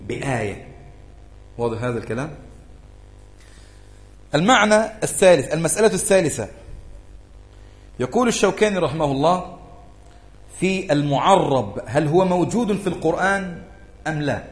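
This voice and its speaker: A man's voice: on the high side, expressive, moderate pace, pauses often. A man giving a religious lesson to students in a lecture room, often checking whether they follow and stressing points emphatically. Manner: keeps asking if students follow, rises emphatically. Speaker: religious teacher. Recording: echoey room.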